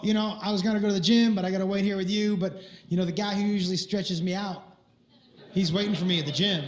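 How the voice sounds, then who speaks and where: A man's voice: high voice, roomy sound. A man doing stand-up, telling a crude prank story and acting out the other voices. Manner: animated, acts out voices and crude jokes. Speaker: stand-up comedian.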